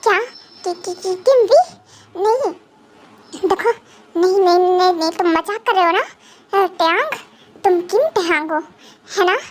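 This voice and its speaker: A woman's voice: extremely high pitch, measured pace, pauses often. A woman voicing a terrified male captive in a fan dub drama, stammering, crying and begging for mercy. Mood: terrified pleading.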